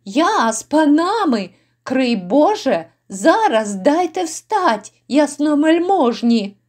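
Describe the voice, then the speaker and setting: A woman's voice: high-pitched, big pitch swings, slow pace, darkish tone, heavily acted. Woman doing a wailing, frightened old innkeeper. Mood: pleading. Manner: pleading, wailing.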